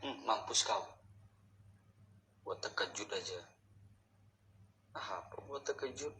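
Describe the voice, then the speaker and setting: Slow-talking man muttering prayers in an echo. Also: on the low side, expressive, sharp tone. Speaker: vlog host exploring a haunted spot. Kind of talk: ghost-hunting explore vlog. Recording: echoey space with faint background noise.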